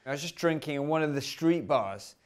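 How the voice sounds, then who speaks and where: Man in a comedy monologue, slightly high voice, rambling and halting delivery. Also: animated. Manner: rambling, hesitant confessional storytelling.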